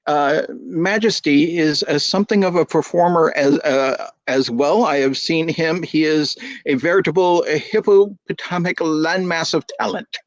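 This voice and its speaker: Man, storyteller, high voice, theatrical and expressive, dry close sound, video call. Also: unhurried, hardly any pauses, no room sound. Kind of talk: storytelling performance.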